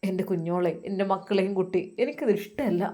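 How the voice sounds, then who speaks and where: A woman with a Malappuram Malayalam accent voicing a gentle, religious young husband who steadily reassures his wife. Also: medium pitch, fairly quick, natural voice. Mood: firm. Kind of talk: storytelling voice acting.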